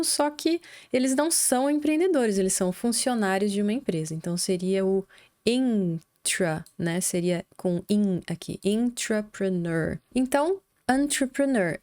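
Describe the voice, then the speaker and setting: A young adult woman with a Brazilian Portuguese accent, teaching an online English lesson in Portuguese and slowly sounding out English words syllable by syllable. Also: on the high side, darkish tone.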